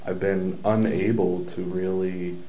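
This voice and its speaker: A man in his thirties speaks in a very low voice, answering interview questions in a measured, earnest way. The room around him is echoey, with a faint hiss underneath. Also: level tone, mellow. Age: 30s. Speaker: community college student. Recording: roomy echo, faint hiss.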